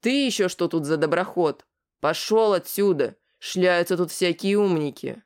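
The reader voicing a loud, furious middle-aged mother who shrieks coarse abuse in an audiobook. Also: lively intonation, unhurried, natural voice. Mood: screaming abuse. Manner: shrill shouting.

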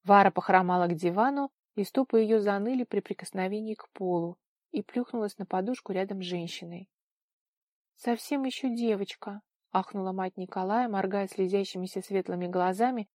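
A woman reading an audiobook in steady, expressive scripted narration. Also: mid-range voice, brisk, no room sound.

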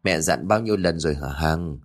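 A man's voice: a bass voice, brisk, soft background music, pitched below the performer's own voice. A man voicing a weary young mother who pleads and reasons, in an audio story. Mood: stern.

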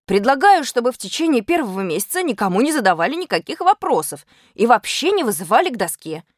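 A woman voicing a loud, lazy schoolboy who shouts and pleads to his class. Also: on the high side, expressive, a little fast, dry recording, studio quality. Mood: shouting.

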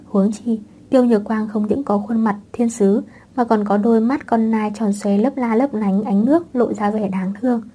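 A woman reads a web novel aloud in a calm, steady storytelling manner. Her voice is mellow and dark, with a scripted audiobook delivery. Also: on the high side, moderate pace, breathy edge. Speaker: audiobook narrator.

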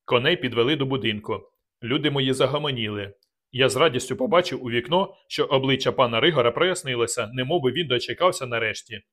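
A man's voice: medium pitch, fast talker, a bit bright. Man reading a dramatic audiobook. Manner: dramatic first-person reading. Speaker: audiobook narrator. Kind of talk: scripted narration.

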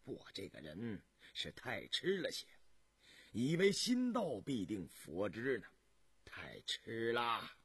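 A man's voice: big pitch swings, takes it slowly, breathy edge, no room sound, full character voice. A man playing a weary, ailing old-style official. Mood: self-mocking. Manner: low, tired, self-mocking. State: exhausted. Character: weary, ailing middle-aged male official.

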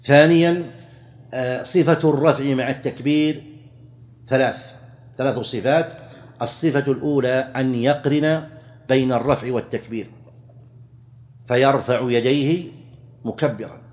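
A man's voice: mid-range voice, fairly even intonation, a little mellow. Methodical man teaching a fiqh lesson. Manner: methodical, enumerates points, drawls quoted phrases slowly. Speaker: Islamic jurisprudence teacher. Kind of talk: explaining a fiqh text lesson.

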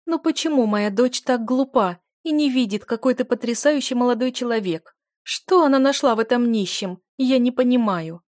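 A woman voicing a hysterical, tearful noble duchess who pleads and shouts in a shrill, sobbing way. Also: expressive, brisk, hardly any pauses, no echo, clean studio sound. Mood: frantic, tearful.

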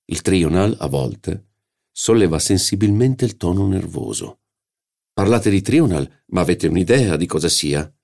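A man's voice: low-pitched, expressive, measured pace, creaky, a little mellow, pitched above the performer's own voice, exaggerated voice. A man voicing a pedantic, dogmatic doctor who lectures and teases his sleepy wife in an audiobook. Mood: lecturing. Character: pedantic dogmatic male doctor, teasing husband. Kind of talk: audiobook character voice.

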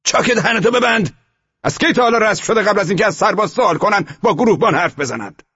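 A man's voice: high-pitched, animated, sharp tone, breathy edge, exaggerated voice. An actor playing a stern, scornful male army sergeant who barks orders and scolds, in an audiobook drama, on a dull lo-fi recording. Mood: barking.

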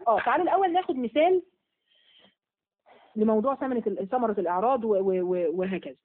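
A woman with an Egyptian accent teaching an online Quran lesson, asking quick questions and repeating key words. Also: a little high, lively intonation. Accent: Egyptian Arabic. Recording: phone-like narrow audio.

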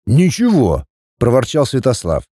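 A sulky, stubborn young prince who grumbles and snaps back, as a male narrator puts him on. The voice is warm and mellow with lively pitch, recorded dry and close. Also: normal speed, no echo. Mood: sullen. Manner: grumbling, then barking back.

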